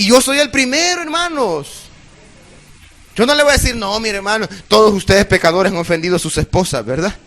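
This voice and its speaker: A man's voice: high-pitched, a bit bright. A middle-aged man preaching a sermon as pastor, emotional and emphatic, speaking straight to his congregation.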